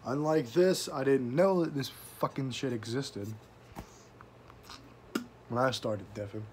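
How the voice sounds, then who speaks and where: Man, mid-pitched voice, lip packed with tobacco, casual swearing review chat, folksy slang, faint background noise. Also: a little slow, darkish tone. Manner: talks with a tobacco pouch tucked in his lip. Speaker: product reviewer.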